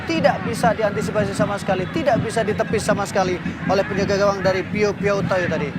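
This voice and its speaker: A man's voice: high-pitched, fast talker, over a noisy crowd. A man giving live analysis as a football co-commentator. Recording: very noisy live stadium broadcast.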